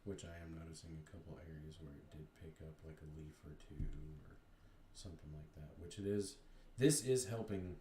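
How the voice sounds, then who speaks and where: A man's voice: extremely low pitch, fairly quick. A man hosting a crafting stream, chatting casually and thinking aloud while he demonstrates resin pouring. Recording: echoey room with steady noise.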